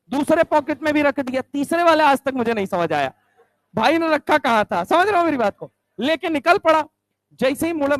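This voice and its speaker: Animated male chemistry teacher, high voice, dry sound, checks in with the class constantly. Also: dry recording, poor audio. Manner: animated, keeps asking the class if they understand. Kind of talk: storytelling chemistry lecture.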